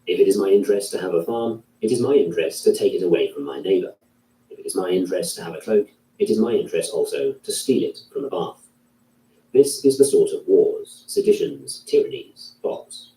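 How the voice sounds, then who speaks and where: Male reader, dark mellow tone, measured delivery, distant echoey recording. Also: low-pitched, animated. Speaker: narrator. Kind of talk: reading a classic philosophy text aloud. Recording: roomy, distant from the mic.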